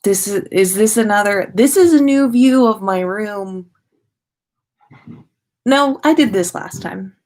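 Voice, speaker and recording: A slightly mellow, medium-pitched voice takes its time and pauses often as this American woman livestreams her podcast from home in her room. Tired but playful, she rambles informally with sing-song asides.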